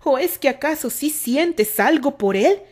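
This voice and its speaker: A woman's voice: medium pitch, takes it slowly, breathy edge. A woman voicing a hot-tempered, jealous young man in a storybook romance. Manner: shouting, then pleading.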